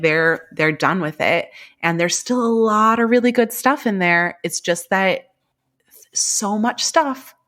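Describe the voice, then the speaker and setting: A woman's voice: fairly low pitch, fairly bright tone. A woman guest on a podcast, talking enthusiastically and rambling with many fillers and laughs. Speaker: guest, secondhand clothing reseller. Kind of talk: casual interview chat.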